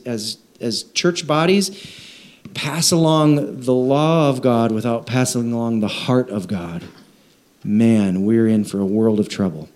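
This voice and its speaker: A man preaching a conversational sermon, animated, with frequent restarts and repeated words. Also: medium pitch. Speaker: pastor.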